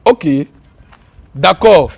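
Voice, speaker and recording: A man's voice: high voice, expressive, extremely slow, vocal fry, husky. A man, hosting a street prank and lecturing in an argumentative way. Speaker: prank show host.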